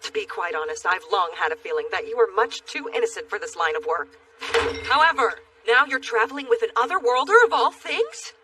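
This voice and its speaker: An actress playing a stern, judgmental temple priestess, forceful and disapproving, in an anime dub. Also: female voice, on the low side, fast talker, hardly any pauses, far from the mic, background noise, natural voice. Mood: stern, scornful.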